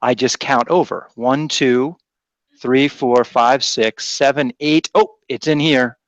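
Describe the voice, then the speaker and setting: A man from Rhode Island, with a faint accent that's mostly softened, teaches a math class in a chatty, teasing manner, thinking aloud as he lectures. His mid-range voice moves at a slow pace with fairly even intonation. The lo-fi recording has no echo.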